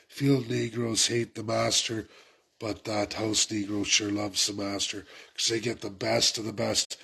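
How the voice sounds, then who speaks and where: Congested from a head cold, a political commentator gives his viewers an urgent, repetitive rant to camera. His fairly low voice is gravelly and a bit bright, with a breathy edge.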